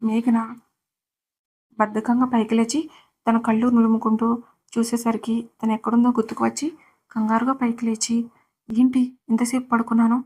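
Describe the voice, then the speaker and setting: Woman narrator, high and level voice, steady storybook reading. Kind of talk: narrating a serialized love story.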